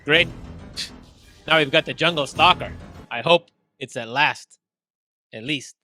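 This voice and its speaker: A man's voice: a little high, measured pace, pushed and bright, faint music behind. A man voicing Jaya, a sarcastic, jumpy man who grumbles and cracks jokes on a jungle hunt. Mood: mocking. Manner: wisecracking, grumbling.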